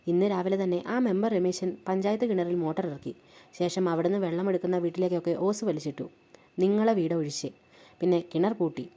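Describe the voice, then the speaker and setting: A woman's voice: fairly low pitch, lightly acted. Woman voicing a kindly village auntie. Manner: gentle, advising. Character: kindly middle-aged village woman, sympathetic.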